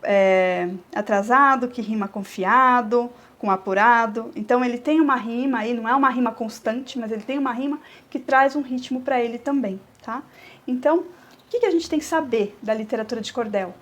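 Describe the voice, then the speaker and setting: A woman's voice: on the high side, fairly quick, fairly bright tone. A woman teacher from Brazil giving a recorded review lesson, explaining step by step, often checking in with her students and drawing out syllables as she scans verse. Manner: stretches words when scanning verse.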